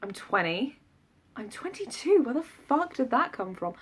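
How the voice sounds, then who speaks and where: A vlogger in her twenties from the south of England recounts an audition to camera in a rambling, self-deprecating, jokey chat. Her fairly high voice is sing-song and a little slow, with a breathy edge.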